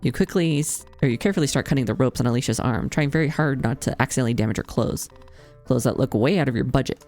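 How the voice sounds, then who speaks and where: A woman's voice: very deep voice, quick pace, a little mellow, faint music behind. A woman game streamer reading visual novel narration aloud and adding casual commentary.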